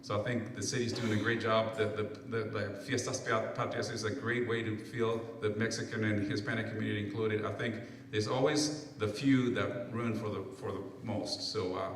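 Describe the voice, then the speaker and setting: A man's voice: on the low side, level tone, normal speed, hardly any pauses. A man from Peru, a council candidate, giving earnest answers at a public forum and often restarting phrases. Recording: echoey hall, mic far off.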